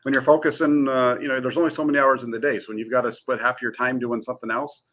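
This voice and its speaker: A man, a sports reporter on a talk show, speaking in an energetic, eager way. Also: medium pitch, fast talker. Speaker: team beat reporter.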